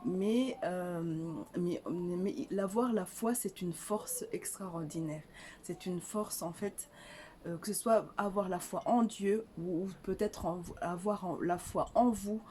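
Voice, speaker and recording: Soft-spoken older woman from Rwanda. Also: fairly low pitch, slow pace, a little hiss or hum. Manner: hesitant, many restarts and fillers. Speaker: author being interviewed. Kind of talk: casual interview.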